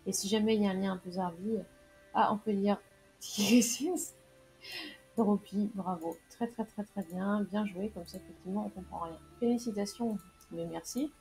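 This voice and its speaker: A woman's voice: medium pitch, moderate pace, warm tone. A young woman streaming a game, chatting casually, laughing often and reading chat messages aloud. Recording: faint game music behind.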